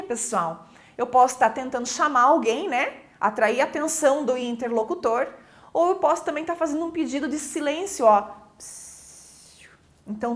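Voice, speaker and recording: Woman teacher, high and animated, unhurried, checks in with students a lot. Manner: explanatory, often checks in with "né?"; acts out interjections with varied intonation. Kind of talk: recorded grammar lesson.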